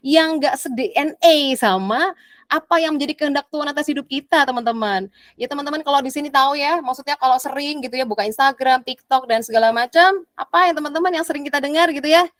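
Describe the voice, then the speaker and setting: A woman's voice: high-pitched, quick pace, fairly bright tone, no echo, studio quality. A woman, preaching a sermon in a casual way, often slipping into English and acting out quoted voices. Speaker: pastor.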